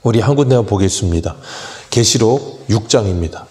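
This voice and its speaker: A man's voice: fairly low pitch, lively intonation, fairly quick, dark tone. A male pastor preaching an expository sermon at a dawn church service, earnest and full of rhetorical questions.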